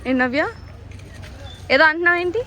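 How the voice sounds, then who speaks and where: A woman's voice: high-pitched, normal speed, background noise. A young woman in her twenties, a graduating student, chatting and teasing her friends on camera, mixing English words into her talk, outdoors on a campus. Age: 20s. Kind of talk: casual vlog chat with friends. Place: outdoors on a busy college campus. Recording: crowd chatter around.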